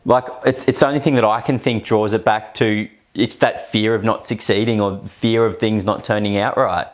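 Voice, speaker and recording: A man speaking in a fairly low voice on a podcast. He sounds reflective and a little hesitant, often using filler words while he works out his thoughts. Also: steady tone, moderate pace. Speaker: podcast co-host. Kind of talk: casual podcast chat.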